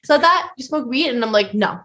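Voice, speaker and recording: A young woman hosting a podcast, telling a story in casual chat, rambling and animated, laughing often. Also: sits high, brisk. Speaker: podcast host.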